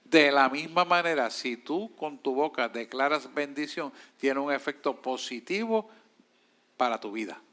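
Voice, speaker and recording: A man's voice: medium pitch, animated, measured pace, sharp tone. A man with a Puerto Rican accent teaching a church discipleship class in an emphatic, preacherly way and answering students' questions.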